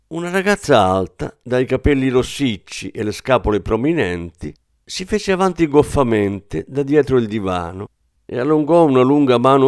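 A man narrates a classic story in a measured, even reading voice of middle pitch. The recording is dry and close, with no room sound. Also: smooth, dry recording. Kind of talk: audiobook narration.

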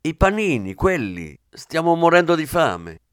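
A cheeky, pushy police officer, as a male narrator puts him on, higher and lively, with a close, dry sound. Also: normal speed, clear, resonant tone, no room sound.

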